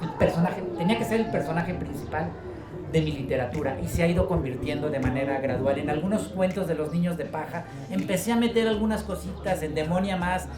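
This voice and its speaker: Mexican guy, low voice, laid-back storyteller, echoey room with music behind. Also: brisk, recorded from a distance. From Guadalajara, Mexico. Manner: relaxed, storytelling, joking asides. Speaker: author being interviewed. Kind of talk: conversational book presentation.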